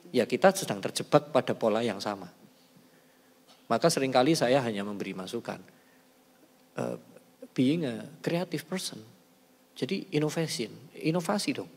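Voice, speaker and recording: A man telling personal stories in a casual talk, shifting between soft asides and loud emphasis. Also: mid-range voice. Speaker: talk show speaker. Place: large church hall. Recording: hall with long reverb.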